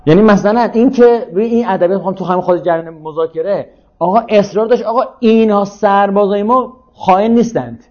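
In a muffled recording, a man with a high, slightly mellow voice delivers an informal lecture on religion and politics. He argues his points and keeps asking rhetorically whether his audience follows.

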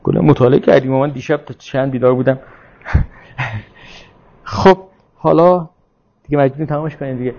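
A man's voice: medium pitch, fairly even intonation, long pauses, darkish tone, lo-fi sound. A man leading an informal religious lecture and discussion, talking in a discursive way, repeating his points and asking rhetorical questions.

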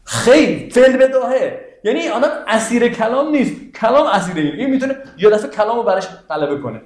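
A man's voice: very high-pitched, expressive. A man teaching religious texts in an informal classroom lecture, talking conversationally and often checking that his listeners follow. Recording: echoey room.

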